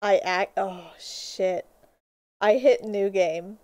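A young woman streaming a horror game, swearing, laughing and yelling at the game. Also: medium pitch, slow, no room sound. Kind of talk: horror game playthrough commentary.

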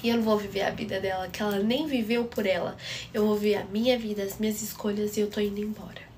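A woman's voice: mid-range voice, steady tone, fast talker, darkish tone, a little hiss or hum. Emotional young woman telling a story. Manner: intense, dramatic, addresses listeners.

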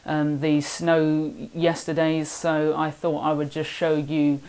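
Chatty seventeen-year-old southern English lad. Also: male voice, on the high side, monotone, slow, darkish tone, clear, resonant tone. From south of England. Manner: chatty, rambling, self-deprecating. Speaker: woodworking vlogger. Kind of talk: casual vlog voice-over. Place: home workshop.

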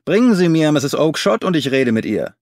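Brief: male narrator as a furious dealer, loud and blustering. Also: on the high side, a little slow, no room sound, studio quality, voice pushed up, close to an everyday voice. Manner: shouting, blustering. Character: angry gruff male market dealer. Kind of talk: audiobook character voice.

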